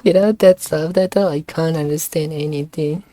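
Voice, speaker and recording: A woman's voice: low voice, fairly even intonation, normal speed, warm tone, no echo. A woman who grew up in Indonesia, reacting casually to a video, hesitant and searching for words with many fillers.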